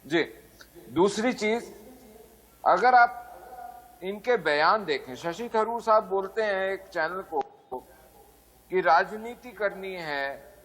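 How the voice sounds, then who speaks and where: A man arguing his point as a panelist on a remote link, in a measured, formal way. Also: high-pitched, animated, fairly bright tone, rough recording. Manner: measured, formal, deliberate delivery. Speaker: political panelist. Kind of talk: debate argument. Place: remote call-in.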